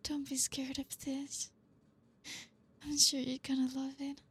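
A young woman whispering softly in an intimate ASMR roleplay, reassuring and coaxing, with frequent low hums. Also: completely flat delivery. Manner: soft unvoiced whispering, slow and soothing.

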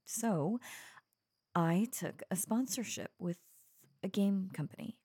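Woman doing an obsessive young streamer girlfriend, soft and coaxing, nervous giggles, dry close sound. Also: mid-range voice, animated, takes it slowly, husky, dry recording, exaggerated voice. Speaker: voice actor in an audio roleplay. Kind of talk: audio roleplay addressed to the listener.

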